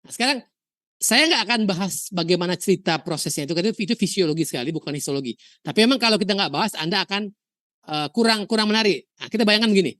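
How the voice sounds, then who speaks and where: A woman from Indonesia teaching a university histology lecture, telling lively stories, asking rhetorical questions and dropping in English terms. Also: mid-range voice, fast talker, dry recording, clean studio sound. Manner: mixes English terms into explanation.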